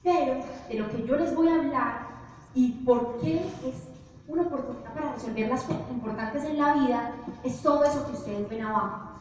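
A young woman giving a motivational business presentation, telling stories to an audience with lively animation. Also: sits high, normal speed, slight background noise. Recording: echoey hall, distant, dull.

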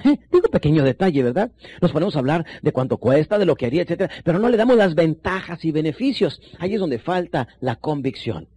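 A man teaching sales techniques, shifting between quick bursts and low, slow emphasis while speaking straight to the listener. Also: sing-song, dark tone, slightly rough. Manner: addresses listener directly as compañero. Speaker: sales trainer. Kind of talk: recorded sales seminar lesson.

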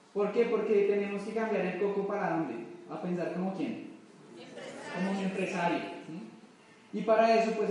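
A man's voice: sits high, darkish tone, slight background noise. Colombian man giving a motivational talk. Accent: Colombian Spanish. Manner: rhetorical questions, folksy storytelling. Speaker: motivational speaker at a business event. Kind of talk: motivational talk to a live audience. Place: large echoey event hall. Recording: echoey hall from far off.

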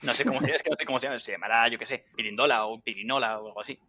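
A man chatting excitably on a podcast, casually swearing. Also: medium pitch, racing. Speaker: podcast co-host. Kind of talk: casual chat. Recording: dull lo-fi sound.

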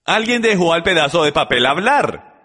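A man's voice: a little high, very animated, normal speed, pushed and bright, slightly rough. A man giving an emphatic teaching sermon, speaking straight to his audience. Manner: emphatic, addresses the audience directly. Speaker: Bible teacher. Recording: long hall reverb.

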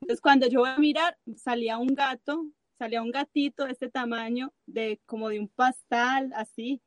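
A woman's voice: high-pitched, steady tone, moderate pace, no echo. A talkative Colombian woman, a guest, who rambles and keeps correcting herself. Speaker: guest, van traveler. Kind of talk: casual chatty interview.

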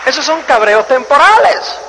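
A man giving a lively motivational talk to an audience, acting out little scenes and repeating lines for emphasis, asking the listeners questions. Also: extremely high pitch, moderate pace. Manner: animated storytelling, acts out scenes and voices. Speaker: motivational speaker. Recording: long hall reverb, faint noise.

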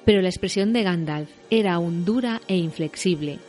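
Woman narrating a story, measured. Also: on the low side, a little mellow, soft background music. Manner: measured, dramatic reading. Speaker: story reader. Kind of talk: scripted narration of a novel.

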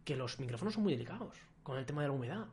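Animated man chatting. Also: mid-range voice, rapid-fire, husky. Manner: animated, mimics other people's voices. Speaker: podcast co-host. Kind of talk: casual chat.

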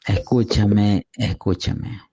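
A man with a Central American accent hosts a casual podcast, teasing his guest and repeating himself for emphasis. His voice sits low and warm. The sound is close and dry. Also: fairly even intonation, slightly rough, dry recording. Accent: Central American Spanish. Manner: slow, teasing, emphatic repetition. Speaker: podcast host. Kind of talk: joking casual chat.

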